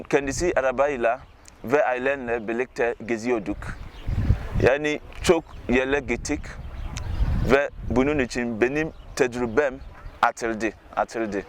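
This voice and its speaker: A young man from Ghana with a Ghanaian accent speaks haltingly as a non-native learner, giving an informal testimonial as an international student. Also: medium pitch, a little hiss or hum. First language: not Turkish. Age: young adult. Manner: halting, learner's speech with searching pauses.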